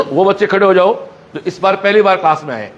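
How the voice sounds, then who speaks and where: A man's voice: sits high, moderate pace, a bit bright, muffled recording. A man walks through a school, chatting with students and talking to the camera. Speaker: coaching and school founder touring his campus. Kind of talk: live walkthrough vlog. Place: school classrooms and corridors.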